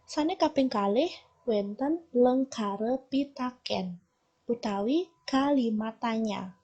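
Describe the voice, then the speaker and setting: A woman with a Balinese accent teaching children a language lesson, explaining slowly and patiently. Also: on the high side, darkish tone, husky. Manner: slow, patient explaining to children, shifting between Balinese and Indonesian. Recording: dull lo-fi recording.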